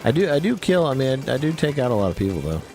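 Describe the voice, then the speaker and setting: A man's voice: medium pitch, sing-song, very fast, a little mellow, soft background music. A man co-hosting a podcast, joking bluntly and swearing freely while playing a video game. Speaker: podcast co-host and editor.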